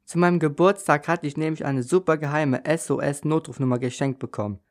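A man's voice: a little high, fairly even intonation, a little fast. Man reading a children's story aloud. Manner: storytelling, narrating in the first person as a child. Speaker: narrator.

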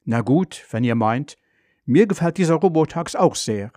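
A man's voice: on the high side, animated, normal speed, warm tone, no room sound, clean studio sound, lightly acted. A man playing a grumpy, impatient family father who blusters and complains. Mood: calm.

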